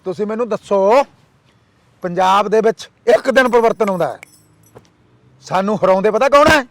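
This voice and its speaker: A man with a high-pitched, animated voice, recorded dry, gives an impassioned interview. His manner is fiery and rhetorical as he fires off questions and repeats his demands in rapid lists.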